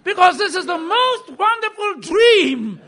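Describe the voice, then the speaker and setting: A visiting preacher at the pulpit, a man whose first language isn't English, delivers a sermon in a very high, bright, ringing voice. He's very animated yet keeps a measured pace, driving points home with sudden loud bursts before sinking into quiet asides.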